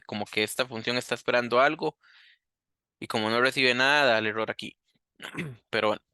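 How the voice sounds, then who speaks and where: Working through code on screen, this man teaches programming while thinking out loud and posing questions to himself. His voice sits in the mid range, pushed and bright, recorded with no echo at studio quality.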